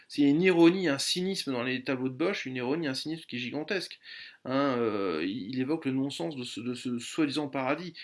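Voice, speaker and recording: A man giving spoken commentary on a painting, musing aloud with many restarts, repeated words and fillers as he points out details. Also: medium pitch. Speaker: art commentator.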